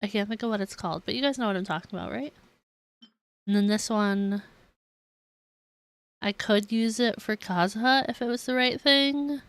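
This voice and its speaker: This streamer's voice sits on the high side, clear and resonant, moving at a moderate pace with frequent pauses. She plays a game to a game-music backdrop, talking to her viewers in a giggly, rambling way packed with fillers like "like."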